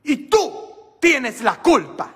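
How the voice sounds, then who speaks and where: A man voicing a flustered American nun with an American accent, speaking halting, broken Spanish in a high, strained voice. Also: big pitch swings, a bit bright, heavily acted. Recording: echoey church hall.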